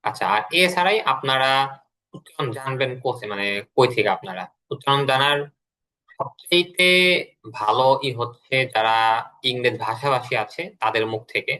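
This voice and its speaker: A man teaching English to adult learners in an online class, patiently repeating words slowly for them to follow. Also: mid-range voice, expressive, pushed and bright, low-quality recording.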